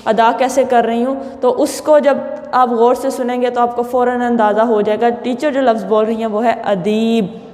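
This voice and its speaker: A woman's voice: fairly high pitch, flat delivery, darkish tone. A woman teacher with a Pakistani Urdu accent gives a spelling lesson to young pupils, stating each word carefully and saying it again and again. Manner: deliberate, repeats and stretches each word for pupils. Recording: echoey room reverb.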